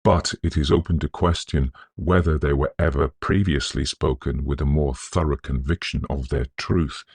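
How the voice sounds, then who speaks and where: This Victorian ghost story is told by a very deep-voiced man whose scholarly, measured reading carries a husky grain. The close, dry recording has a darkish tone and no room sound at all.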